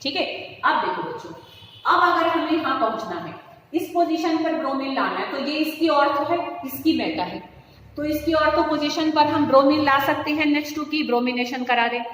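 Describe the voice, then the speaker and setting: A woman's voice: high-pitched, expressive, normal speed, a bit bright. A woman chemistry teacher giving a lecture, explaining step by step and checking in her students. She speaks in. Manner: explains step by step, checks in with frequent "okay" and "see, dear". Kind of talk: classroom lecture. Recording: echoey room with long reverb, faint noise.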